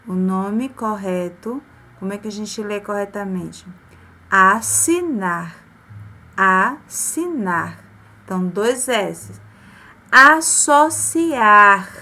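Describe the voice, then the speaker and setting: A woman with a Brazilian Portuguese accent teaching a primary class, stretching out and repeating words slowly for children. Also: medium pitch. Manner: slow, drawn-out spelling of words, repeating them for children. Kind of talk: recorded remote class lesson.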